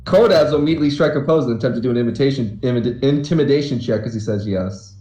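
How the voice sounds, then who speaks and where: A man's voice: medium pitch, fast, mellow. A young man playing in an online tabletop game, playful and apologetic. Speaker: player. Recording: echoey voice chat.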